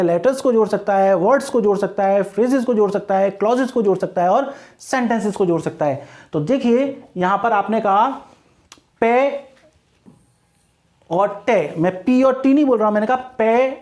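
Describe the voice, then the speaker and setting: A man teaching an English grammar lesson, asking questions and answering them himself, and slowing down on English example phrases. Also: sits high, a little mellow.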